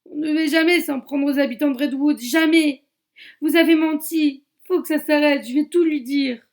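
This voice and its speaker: A woman voicing a guilt-ridden young male deputy, shouting in a husky voice. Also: sits high, moderate pace, pitched above the performer's own voice, exaggerated voice. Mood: desperate. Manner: loud pleading shouts.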